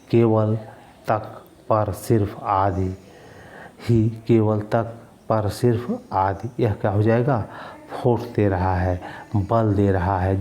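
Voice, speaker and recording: A man's voice: on the low side, warm tone. A male teacher giving a grammar lesson, asking his own questions and answering them, repeating key words for emphasis.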